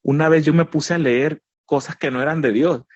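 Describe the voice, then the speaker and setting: A man's voice: fairly high pitch, fairly even intonation, moderate pace, dry recording, lo-fi sound. Earnest man telling his testimony. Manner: earnest, repeats himself, addresses the listener as brother. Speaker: guest giving a faith testimony. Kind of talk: emotional personal testimony.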